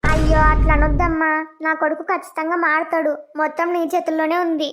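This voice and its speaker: A woman's voice: sits high, flat delivery, quick pace, over music, lightly acted. Woman voicing a kindly village mother-in-law. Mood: soothing.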